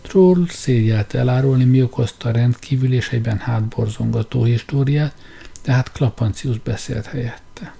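A man's voice: medium pitch, creaky, dark tone, slightly rough. A man narrating a story in a dramatic audiobook reading.

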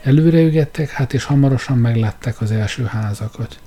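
Gravelly, dark-voiced male storyteller. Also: medium pitch, soft background music. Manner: dramatic storytelling. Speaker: narrator. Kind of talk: audiobook reading.

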